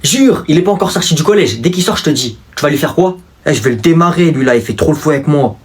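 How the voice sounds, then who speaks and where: A man's voice: a little high, lively intonation, fast, slightly rough. A man playing an aggressive teenage boy who talks in swaggering street slang. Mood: threatening. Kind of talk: comedy sketch acting.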